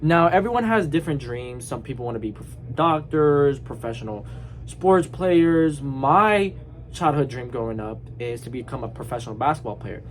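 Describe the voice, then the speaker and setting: A young adult man from Iraq, a student, gives a casual spoken class presentation about himself, rambling informally with frequent fillers and restarts. His mid-range voice has lively intonation at a moderate pace, on a low-quality recording.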